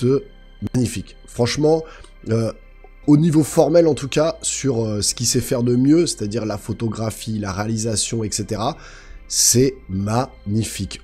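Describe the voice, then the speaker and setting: Male film reviewer, broken raspy voice from being unwell, casual and emphatic, music behind. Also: mid-range voice, a little mellow. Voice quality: hoarse, guttural, raspy voice. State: slightly sick, broken voice. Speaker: film review channel host.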